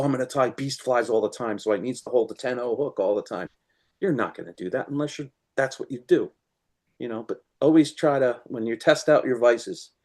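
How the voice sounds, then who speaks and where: Chatty man demonstrating fly tying. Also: mid-range voice. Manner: chatty, lots of "you know" fillers; animated, laughs as he tells stories. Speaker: guest fly tier. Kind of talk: casual storytelling while demonstrating fly tying.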